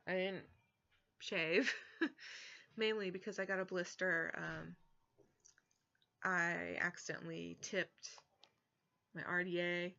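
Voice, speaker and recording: A young woman vlogs from her bedroom, speaking frankly and with exasperation, dropping blunt asides. Her lowish voice has a sharp tone, picked up indoors by a webcam at her desk as dull, lo-fi audio.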